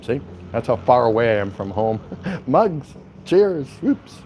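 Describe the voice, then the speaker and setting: A man livestreams a walk around a city, stopping at a convenience store and chatting to his viewers in a rambling, folksy, slangy way. His mid-range voice is very animated and darkish in tone, and he talks a little slowly. Traffic, street and vehicle noise, and ambient sound run behind him.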